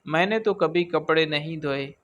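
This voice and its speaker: A man's voice: on the high side, fairly bright tone, muffled recording, lightly acted. A man voicing a pampered, meek young girl, the only sister, in a storybook reading.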